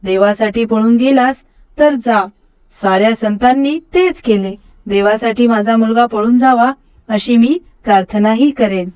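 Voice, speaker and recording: A woman voicing a loving, gentle mother who softly reassures her young son in a storybook reading. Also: a little high, unhurried, lightly acted, poor audio. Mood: tender.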